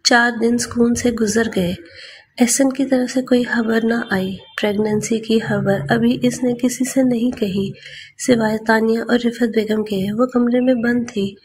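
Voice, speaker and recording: A woman reading a romance novel aloud in an even, measured storytelling voice. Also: a little high, a little hiss or hum. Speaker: novel narrator. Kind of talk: scripted narration of a romance novel.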